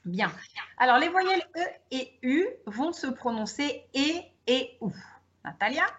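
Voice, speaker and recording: A woman's voice: high-pitched, lively intonation, unhurried, lo-fi sound, slight background noise. A woman teacher guiding a partner through pronunciation examples, prompting her to speak. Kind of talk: classroom demonstration dialogue.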